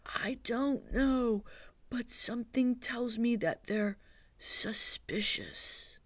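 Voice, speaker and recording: Reader doing a mild, dreamy storybook bear: breathy hush, slow and gravelly. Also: medium pitch, fairly even intonation, no echo, voice pushed up. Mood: conspiratorial whisper. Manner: soft breathy half-whisper, slow and thoughtful. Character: gentle slow-witted male toy bear.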